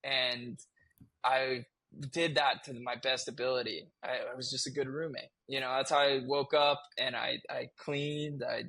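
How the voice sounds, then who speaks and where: A man's voice: mid-range voice, level tone, a little slow, gravelly, bright, forceful tone. A man in his twenties, a podcast guest, telling a personal story in casual chat, candid and swearing freely as he restarts his sentences.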